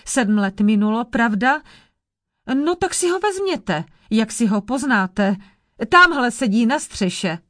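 A woman's voice: fairly high pitch, lively intonation, fairly bright tone, no room sound. Woman putting on a sulky sly old-tale sorcerer, bossy, dry close sound. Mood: scheming. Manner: sulky, scheming. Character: grumpy cunning male sorcerer.

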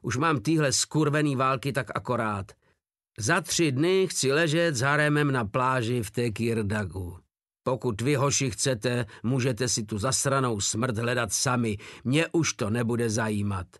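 A man's voice: mid-range voice, fairly bright tone, dry recording, studio quality, close to an everyday voice. A man reading aloud, voicing a cynical, boisterous German corporal deserting the war.

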